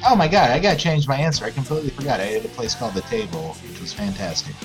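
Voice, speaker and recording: Lively laid-back man chatting. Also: medium pitch, very fast, soft background music. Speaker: podcast guest. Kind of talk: casual chat.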